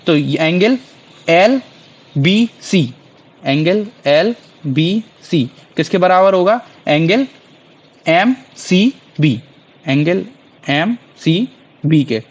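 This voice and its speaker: A man's voice: sits high, expressive, highs cut off. Man teaching maths, step by step. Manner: asks rhetorical questions and answers them himself; slow, deliberate spelling-out of angle names. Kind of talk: whiteboard maths lesson.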